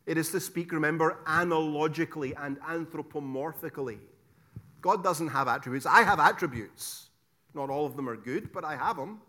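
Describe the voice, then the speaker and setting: A middle-aged Scottish preacher teaches theology in a lecture, his voice a little high and his pace normal. He stresses key words loudly, drops to quiet asides, and poses rhetorical questions.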